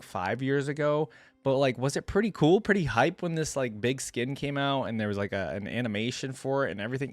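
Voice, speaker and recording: As a video host, a man delivers enthusiastic, casual reaction commentary full of slang in a mid-range voice with a dry recording quality. Behind his voice, game theme music is playing.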